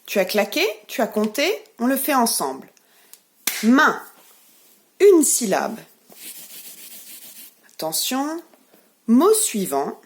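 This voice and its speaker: A woman with a French accent, a preschool teacher giving a remote lesson to young children, speaking slowly and clearly with encouragement. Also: on the high side, big pitch swings. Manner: slow, clearly articulated, encouraging.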